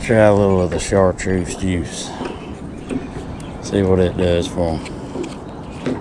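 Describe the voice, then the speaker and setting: A man's voice: low voice, fairly even intonation, slow pace. Laid-back man narrating fishing on a boat. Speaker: fishing vlogger. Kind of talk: casual fishing commentary. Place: small fishing boat on a lake, outdoors. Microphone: action camera. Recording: loud outdoor wind and water noise. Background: outdoor water noise.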